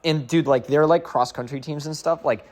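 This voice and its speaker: A man's voice: fairly high pitch, moderate pace, a little mellow. A young man chatting casually as a running vlogger, rambling with lots of filler words and slang. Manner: rambling, full of "like" and "bro".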